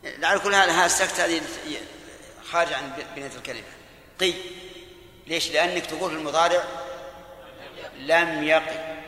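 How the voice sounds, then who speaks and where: A man's voice: a little high, fairly even intonation, a little fast, long pauses, sharp tone, reverberant, long reverb tail. A man giving a classroom lesson, questioning students and patiently repeating grammar rules and explanations. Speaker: Islamic teacher.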